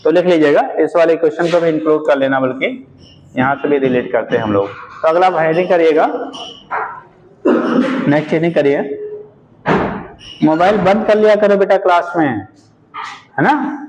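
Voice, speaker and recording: A man's voice: on the high side, normal speed, pauses often, lo-fi sound, background noise. A male physics teacher giving a classroom lecture, addressing his students as "beta" and repeating his questions for them to answer.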